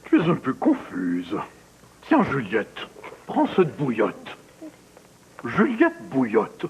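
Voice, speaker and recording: An actor playing a slow-drawling man in a comic soap opera parody. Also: medium pitch, huge pitch swings, vocal fry, a little hiss or hum, heavily acted, poor audio. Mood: soothing.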